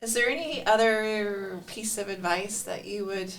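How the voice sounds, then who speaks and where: A woman's voice: mid-range voice, a little slow, a bit bright, a little hiss or hum. A woman hosting a podcast interview, encouraging her guest with brief affirmations and questions. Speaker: podcast host. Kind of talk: conversational interview. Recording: voice a bit distant from the mic.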